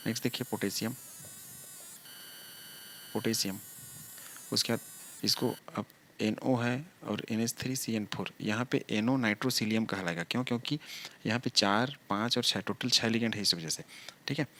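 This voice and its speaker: A man's voice: on the low side, normal speed, long pauses, fairly bright tone. A male chemistry teacher giving a lecture, talking through each step and asking the class rhetorical questions.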